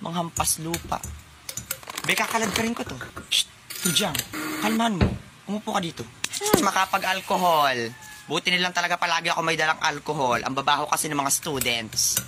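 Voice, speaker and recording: A skit creator throws out sassy, mocking jabs at an ordinary middle pitch. A clear hiss sits behind the voice the whole time. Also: fast. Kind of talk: sketch comedy acting. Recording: noisy background hiss.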